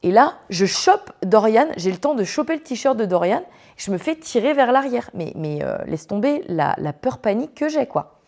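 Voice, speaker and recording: A woman's voice: on the high side, big pitch swings, unhurried, darkish tone. A woman hosting a podcast, telling anecdotes in a chatty, slangy storytelling way with many fillers. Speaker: podcast host. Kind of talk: casual storytelling.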